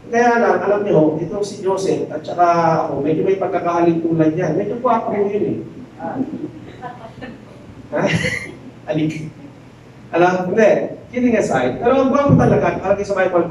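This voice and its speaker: A man preaching a sermon as a pastor, telling a story in an animated, joking way and acting out the people in it. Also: sits high, a little hiss or hum. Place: church hall. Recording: very echoey hall, distant mic.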